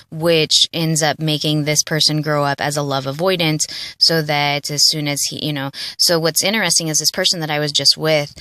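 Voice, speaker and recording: A woman's voice: sits low, bright, forceful tone, clear, resonant tone, no room sound, clean studio sound. A woman in her late thirties giving an earnest, confessional personal monologue for her audio blog, rambling with frequent "like" and "you know". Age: late 30s. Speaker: audio blogger.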